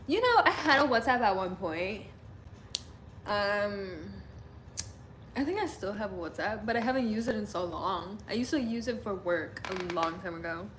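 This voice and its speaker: A young woman from the Midwest state of Illinois hosts a casual livestream, giggling and saying "like" a lot as she responds to viewer comments. Her mid-range voice is a bit bright, with a little hiss or hum in the audio.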